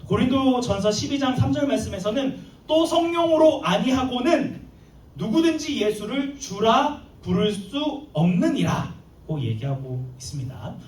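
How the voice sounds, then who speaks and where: Lively male youth preacher in an echoey hall. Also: extremely high pitch, measured pace. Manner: lively, plays out dialogue with comic asides. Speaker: youth pastor. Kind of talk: sermon. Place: church hall. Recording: echoey hall, mic at a distance.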